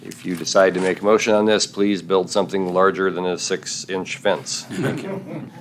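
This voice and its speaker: A man serving as mayor, chairing a city council meeting in a brisk, procedural way with the odd dry joke. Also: deep voice, noisy background.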